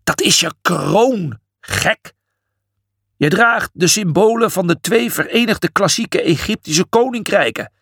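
A man voicing a haughty, pompous old priest who speaks slowly and indignantly. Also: high-pitched, lively intonation, fairly bright tone, no room sound, studio quality, voice pushed up, exaggerated voice.

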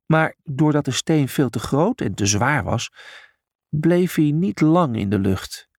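A man narrating a children's audiobook in an expressive storytelling voice. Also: on the high side, slow, no room sound, studio quality.

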